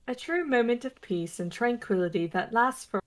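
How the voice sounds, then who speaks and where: A woman's voice: a little high, lively intonation, normal speed. A woman co-hosting a gaming stream, reading the game's narration aloud and joking about it. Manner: jokey, laughs while reading. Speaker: co-host reading game text aloud. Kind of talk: casual let's-play narration.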